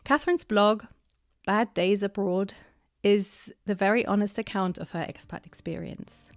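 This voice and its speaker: A woman's voice: medium pitch, a little slow, no echo, studio quality. A woman hosting a podcast interview, enthusiastic, laughing often and restarting her phrases. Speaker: podcast host.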